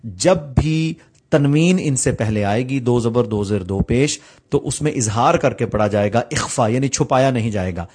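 A man teaching tajweed, explaining the rules plainly and reciting the examples slowly. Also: medium pitch, a little mellow, breathy edge.

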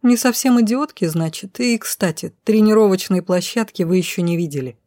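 Woman voicing a sardonic female curator, curt and mocking, mellow dry tone, storybook. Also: mid-range voice, moderate pace, no echo, lightly acted.

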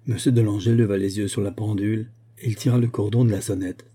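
A man narrating a nineteenth-century tale as an audiobook, steady and formal. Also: fairly low pitch, fast.

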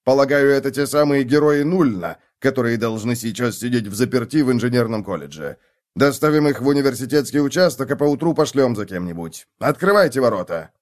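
A man voicing a gruff city guard sergeant who speaks curtly and mocks his prisoners. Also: medium pitch, lively intonation, a little fast, a little mellow, close to an everyday voice. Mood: mocking. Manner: curt, growling, mocking. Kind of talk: audiobook character voice.

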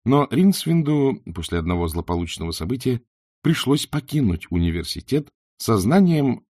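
A man narrating an audiobook with expressive storytelling. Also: mid-range voice, moderate pace, slightly rough, no room sound, studio quality. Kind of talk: scripted narration.

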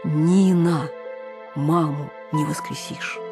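A woman's voice: low-pitched, steady tone, slow pace, over music. A woman reading as a weary, lecturing older brother. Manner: tired, lecturing. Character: weary young man, the patronizing older brother.

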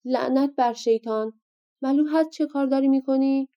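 A woman's voice: medium pitch, expressive, lo-fi sound, natural voice. A woman voicing an irritable male giant ogre in a storybook reading. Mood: angry. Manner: shouting, irritable.

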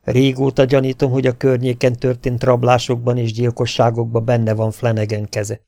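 A man voicing a gruff, impatient middle-aged sheriff in an audiobook. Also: mid-range voice, completely flat delivery, dark tone, no echo, natural voice. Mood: urgent. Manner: grumbling, impatient. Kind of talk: audiobook dialogue.

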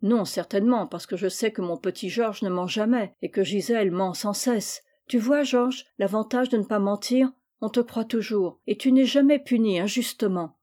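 A woman reading aloud and voicing a stern, upright nobleman father in a storybook, speaking firmly and in a measured way. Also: medium pitch, warm tone, lightly acted.

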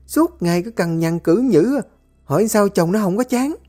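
A storyteller voicing a cruel, domineering older mother-in-law who scolds and shouts. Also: medium pitch, animated, fast, soft background music, pitched above the performer's own voice, natural voice. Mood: scolding.

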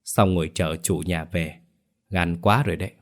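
A narrator puts on a hot-tempered village man. He swears in a low, rough voice, spitting abuse in rapid bursts. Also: fairly even intonation. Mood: furious. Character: hot-tempered, foul-mouthed middle-aged village man.

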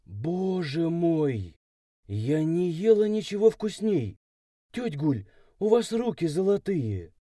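A man's voice: big pitch swings, a little slow, warm tone, dry recording, clean studio sound. Man doing a chirpy young blonde girl. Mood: delighted. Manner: high girlish chirp. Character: young blonde city girl, literal, playful. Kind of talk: audiobook reading.

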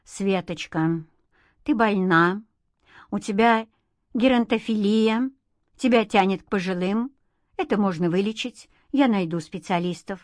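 A woman's voice: mid-range voice, unhurried, no room sound, studio quality, close to an everyday voice. Woman playing a hectoring strict mother. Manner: sharp, hectoring and loud. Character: strict middle-aged provincial schoolteacher mother.

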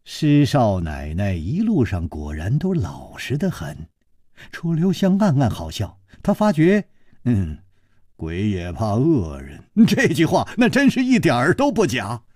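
A man telling a traditional story with a Beijing accent and dramatic, lively intonation. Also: mid-range voice, measured pace, slightly rough, dry recording, studio quality.

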